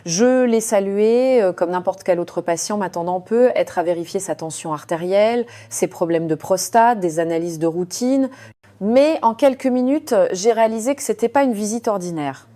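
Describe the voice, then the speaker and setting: Speaking as a surgeon in the first person, a woman narrates in a confiding, measured way, often pausing on hesitant fillers. Her pitch is medium and her tone warm.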